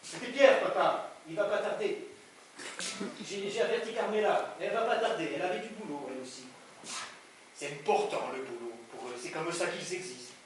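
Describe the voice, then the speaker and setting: A man's voice: on the high side, normal speed, close to an everyday voice. A man acting a touchy, stammering son who has just lost his father, on stage in a live play, with a southern French accent. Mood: grieving. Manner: stammers and flares up in indignant bursts. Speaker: stage actor. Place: theatre stage. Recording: echoey theatre, distant mic, audience noise.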